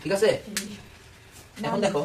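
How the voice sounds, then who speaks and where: A man's voice: a little slow, noisy background. Male teacher, strict, repeats words for drilling, roomy classroom, far from the mic, children chattering behind. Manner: strict, drills pronunciation by repetition. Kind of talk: classroom English lesson.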